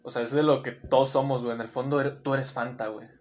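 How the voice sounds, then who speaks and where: A man's voice: medium pitch, steady tone, fast, a little mellow. A man with a Mexican accent in casual chat, laid-back and slangy, explaining things to his friends. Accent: Mexican Spanish. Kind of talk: casual chat about anime.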